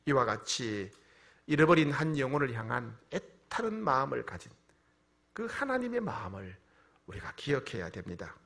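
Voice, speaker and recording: A man's voice: mid-range voice, big pitch swings, normal speed, creaky, fairly bright tone. A man preaching a sermon, telling a story and acting out prayers with rising passion. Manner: storytelling with acted prayers, rising to impassioned pleading. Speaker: pastor.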